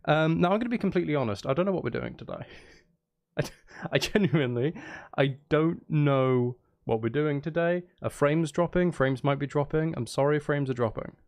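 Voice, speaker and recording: Speaking at a normal speed in a higher, darkish-toned voice, a man talks loosely to his livestream audience. His jokey, self-mocking chatter wanders, doubles back on itself and breaks off partway through sentences.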